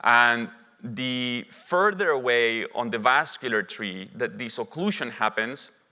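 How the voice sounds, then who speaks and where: Lecturing slowly with lively intonation, a physician from Lima, Peru, speaks at a medical conference in an indoor symposium hall. His mid-range voice is bright with a clean tone, though the reverberant space adds a long echo.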